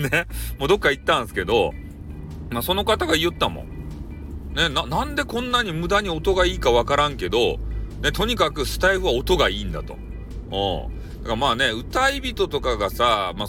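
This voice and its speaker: Japanese guy w kyushu accent, bright lively voice, chatty jokey solo ramble. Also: mid-range voice, brisk, soft background music. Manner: colloquial and jokey, with repeated "ne" tags. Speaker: solo audio-app broadcaster. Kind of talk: casual rambling monologue.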